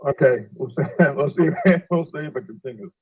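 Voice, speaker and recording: A man speaking as a remote guest over a video call connection that keeps breaking up, telling a story in a halting way with many fillers. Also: medium pitch, lively intonation, slightly rough. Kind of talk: casual panel discussion. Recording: tinny phone-like video call audio.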